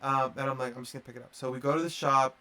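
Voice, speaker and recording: A man's voice: medium pitch, steady tone, racing, sharp tone. A man telling a long casual story on a livestream, rambling with lots of fillers and acting out the dialogue. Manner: rambling, filler-heavy, acts out quoted dialogue. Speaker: streamer.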